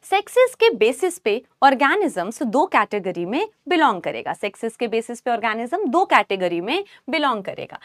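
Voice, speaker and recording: Lively woman teaching biology. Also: on the high side, no echo, clean studio sound. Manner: lively, repeats key terms slowly, calls students beta. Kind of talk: classroom lecture with memory tricks.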